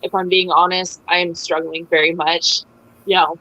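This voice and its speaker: A young mother talking as a guest over a video call, hesitant and emotional, with many pauses and "um"s. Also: on the low side, level tone, pushed and bright, dull audio. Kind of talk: casual interview talk.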